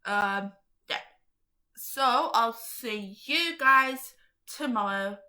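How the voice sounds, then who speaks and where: A woman's voice: a little high, extremely slow, pushed and bright. A woman hosting her own channel, reading aloud to viewers in a casual, chatty way, giggling often and getting easily sidetracked. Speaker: channel host.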